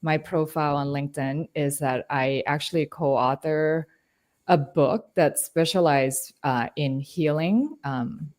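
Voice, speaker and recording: A woman's voice: deep voice, unhurried, a little mellow. A woman introducing herself on a video call in a chatty, giggly way. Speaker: guest speaker. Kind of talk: casual self-introduction.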